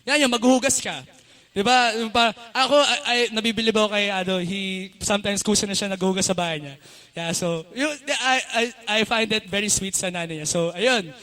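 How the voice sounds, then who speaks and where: A man's voice: high voice, fairly quick, bright, forceful tone. A young man with a Filipino accent giving a casual, chatty youth sermon at a church service, laughing often and switching between Tagalog and English. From Philippines. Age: young adult. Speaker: youth speaker.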